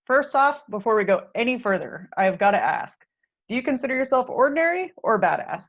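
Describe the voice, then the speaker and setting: A woman's voice: on the high side, big pitch swings, brisk, no echo, dull audio. Informal woman podcast host, dry sound. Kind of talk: podcast hosting, conversational.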